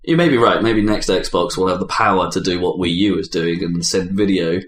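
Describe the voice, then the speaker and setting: A man with a low voice speaks at a normal pace, hosting a casual gaming podcast where he rambles and voices strong opinions. The room is echoey, with faint noise in the background.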